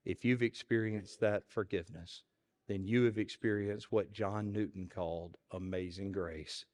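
A man preaching a sermon, telling a story dramatically, swinging between hushed tones and loud, ringing passages. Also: fairly low pitch, steady tone, a little slow. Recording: long reverb of a large hall.

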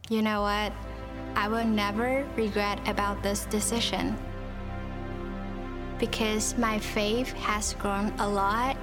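A young woman from Taiwan speaks in a slow, sincere testimony. Her Taiwanese-accented English is simple and unhurried, and her pitch sits in a middle register. Faint music plays behind her words. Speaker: student giving testimony. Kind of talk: personal testimony video.

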